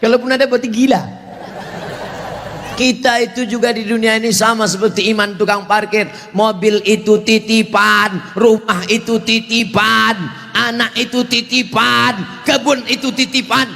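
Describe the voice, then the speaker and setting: A man's voice: high-pitched, little pitch movement, moderate pace, vocal fry, sharp tone. A male Islamic preacher giving a humorous sermon to a large evening gathering, joking, acting out voices and asking the crowd for replies. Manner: jokes and acts out voices, asks the crowd for replies. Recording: reverberant hall, faint ambience.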